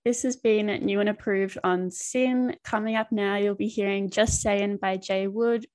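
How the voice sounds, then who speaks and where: A woman's voice: medium pitch, fairly even intonation, unhurried, a little mellow. A young woman hosting a radio interview, friendly and laughing often. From Australia. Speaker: radio host.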